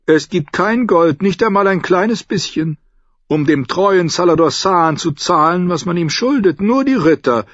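A man's voice: high-pitched, a little slow, no echo, pitched above the performer's own voice. A man voicing a genial, sly older pirate merchant who talks in a coaxing, lilting way in a storybook reading. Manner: lilting, coaxing, fond of flattery. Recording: dull dry studio audiobook.

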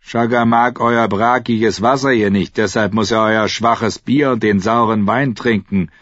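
A man's voice: fairly low pitch, fairly even intonation, unhurried, fairly bright tone, no room sound, muffled recording, voice pushed up. A man voicing a huge, proud clansman who talks bluntly about himself in the third person. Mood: grumbling.

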